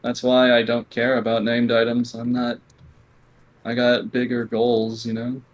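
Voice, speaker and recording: A man being interviewed as a competitive gamer, speaking bluntly and earnestly with halting restarts. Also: mid-range voice, monotone, rough recording. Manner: quiet, near whispering at times. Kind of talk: candid conversational interview.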